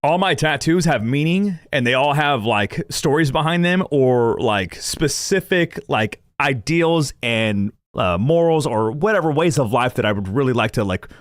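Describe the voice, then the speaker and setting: Brief: young male streamer, lively up-and-down delivery, rambling and self-mocking, dry close sound. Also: medium pitch, moderate pace, hardly any pauses, no echo. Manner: rambling, self-deprecating, laughs often. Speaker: gaming streamer reacting to lore videos. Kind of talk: casual rambling chat to viewers.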